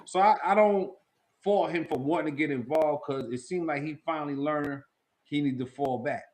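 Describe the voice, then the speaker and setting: A man's voice: a little high, moderate pace, a little mellow. A man co-hosting a live sports talk show, talking in a casual, slangy way full of "you know what I'm saying.".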